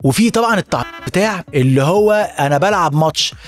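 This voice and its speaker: Egyptian male podcast host, exasperated satirical monologue, very fast delivery, swears freely. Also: a little high, animated. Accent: Egyptian Arabic. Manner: profane ranting, mixes in English words; exasperated, appeals to listeners.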